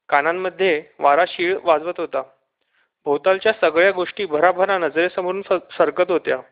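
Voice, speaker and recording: A man reading a children's story aloud in lively first-person narration. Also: high voice. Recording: dull lo-fi recording.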